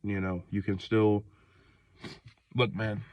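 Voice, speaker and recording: Out in the cold, a sick, breathless Ohio vlogger in his twenties rambles in a casual, slangy rant full of fillers and false starts. His voice is fairly low and level, his pace slow, and the recording is dry and lo-fi.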